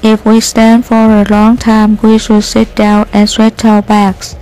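A woman reading textbook passages aloud for listening practice, slow and careful, with frequent hesitant fillers. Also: fairly high pitch, completely flat delivery, mellow, soft background music, rough recording. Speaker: reader of listening practice texts.

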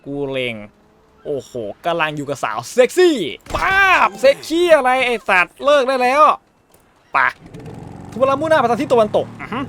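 A man with a high voice narrating his game play in a loose, joking way. He swears constantly and reads the characters' lines himself as he plays. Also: wildly swooping pitch, normal speed, a bit bright, slight background noise. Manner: crude, joking, heavy swearing; dubs game dialogue in his own voice. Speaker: gaming YouTuber. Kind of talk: let's-play commentary.

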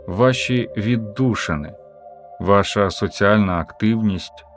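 Low-voiced man reading a philosophical talk. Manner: measured, questioning, emphatic rhetorical delivery. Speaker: audiobook narrator. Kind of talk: scripted audiobook narration of a philosophical talk.

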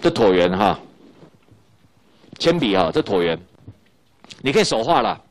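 Male physics teacher, Taiwanese Mandarin accent, middle-aged, animated up-and-down delivery, chatty, repeats himself. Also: fairly low pitch, measured pace. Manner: chatty, repeats key points, tags lines with "ha" and "you know". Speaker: high school physics teacher. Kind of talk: recorded classroom lecture.

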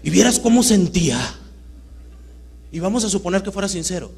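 A man giving a live talk to an audience, swinging between loud emphatic bursts and hushed storytelling. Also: high voice, very animated, brisk, vocal fry, husky. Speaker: motivational speaker. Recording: reverberant hall with mains hum.

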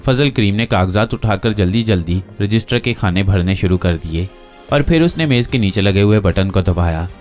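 A man narrates a crime novel with a steady storyteller's delivery, his voice sitting low. Soft music plays faintly behind him. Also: normal speed. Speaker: audiobook narrator.

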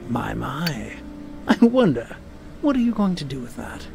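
An actor playing a smug, mocking villain in a video game, with theatrical, drawn-out taunts. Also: male voice, medium pitch, very animated, vocal fry, over music, heavily acted. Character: smug taunting male villain watching a captive agent. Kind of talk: video game character acting.

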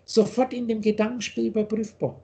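A gravelly, warm, high male voice delivers a flat, slightly fast lecture, and the highs are cut off. It belongs to an older spiritual teacher on a video call from his home office, insistent and gesturing as he holds forth through a webcam mic.

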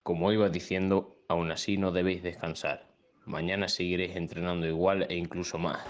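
A man as a deep-voiced computer boss. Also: level tone, a little fast, dull audio, close to an everyday voice. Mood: calm, stern. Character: calm, stern artificial-intelligence boss on a phone. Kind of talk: acted short-film monologue.

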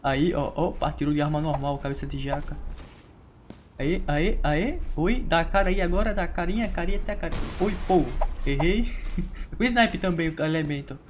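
A man's voice: fairly high pitch, normal speed, a little hiss or hum. Playful Brazilian man narrating gameplay. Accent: Brazilian Portuguese. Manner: playful, laughing, teasing opponents. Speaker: gaming streamer. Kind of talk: casual live gameplay commentary.

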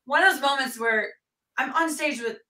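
A woman with a bright, forceful voice tells stories in an animated way, with sudden loud bursts when she acts out quotes. She sits a little back from the mic, so the voice sounds slightly distant. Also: high voice, moderate pace, roomy sound, a little hiss or hum. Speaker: country singer and fiddler, guest. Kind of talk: storytelling interview chat.

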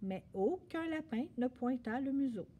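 A woman reading a picture book aloud at a library story hour, expressive and animated. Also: sits high, moderate pace, slightly rough.

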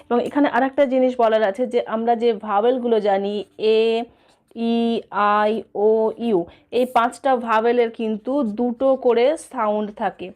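A woman's voice: fairly high pitch, steady tone, normal speed, darkish tone. Chatty woman teaching letter sounds. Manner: chatty, asks and answers her own questions; sounds out letter sounds in a sing-song. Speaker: teacher giving tips. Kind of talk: casual explainer video.

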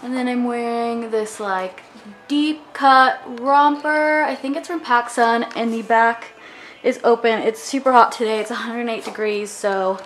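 Talking casually to a handheld camera at home, in the car and at the gym, a vlogger in her twenties stays upbeat and chatty, dropping "like" constantly. Her voice sits on the higher side with fairly level intonation, an unhurried pace and a fairly bright tone, over slight background noise.

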